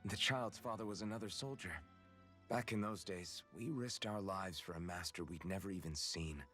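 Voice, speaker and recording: An actor playing an earnest, kind young soldier hero in a game, speaking gently and reflectively. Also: male voice, deep voice, normal speed, faint music behind. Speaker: game character, young male swordsman. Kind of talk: game voice acting.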